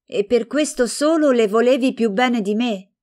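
A woman's voice: a little high, moderate pace, darkish tone, voice pushed up, lightly acted. A woman voicing a jealous, sulky young girl who pouts and asks reproachful questions in a storybook reading.

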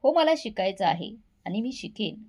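A woman playing a shy, halting young wife. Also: medium pitch, animated, breathy edge. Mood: hesitant. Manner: halting, stammering, soft. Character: timid young married woman, shy and hesitant.

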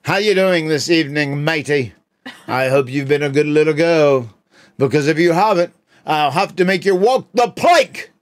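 A man's voice: fairly high pitch, lively intonation, normal speed, pitched above the performer's own voice, natural voice. A man putting on a pirate captain voice, growling threats about walking the plank. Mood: menacing, playful. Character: gruff blustering male pirate captain.

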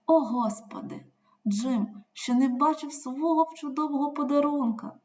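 A woman's voice: fairly high pitch, moderate pace, dark tone, voice pushed up, close to an everyday voice. A woman reading a young wife's lines with earnest, emotional pleading. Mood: eager. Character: young wife tender and pleading.

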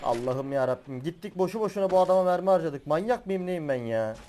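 A young man giving excitable commentary while he plays a battle royale game as a gaming YouTuber, swearing and laughing as he goes. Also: a little high, quick pace, a little hiss or hum. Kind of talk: live gameplay commentary.

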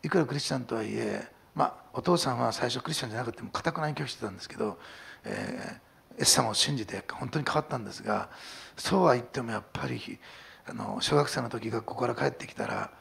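A man's voice: medium pitch, fast, creaky, fairly bright tone, slightly rough. A middle-aged man preaching a sermon as a pastor, earnest and building to emphatic climaxes.

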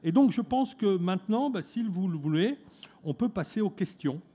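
High-pitched, mellow-voiced French lecturer. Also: male voice, animated, normal speed, husky. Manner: conversational, frequent "hein" tags, restarts. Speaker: lecturer at a trade fair talk. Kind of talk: conference talk. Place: conference room at an eco fair.

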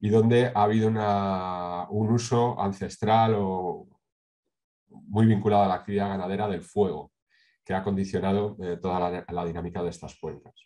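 A middle-aged man from Spain with a low, dark voice presents a project over a webcam on a video call. He talks in a measured way, pausing often with hesitations and tag questions. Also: steady tone. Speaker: sustainability consultant presenting a project. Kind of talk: online conference talk with slides.

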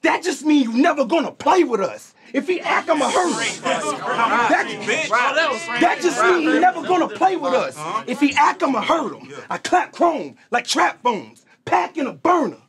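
A man's voice: extremely high pitch, sing-song, normal speed, fairly bright tone, some chatter behind. A man performing battle rap at a live event, taunting his opponent with punchlines. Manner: taunting, punchline-driven delivery. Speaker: battle rapper.

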